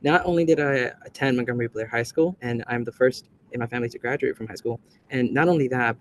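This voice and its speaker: A man's voice: medium pitch, slight background noise, low-quality recording. A young man from El Salvador, a college student, reading prepared testimony at a meeting. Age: young adult. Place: meeting room.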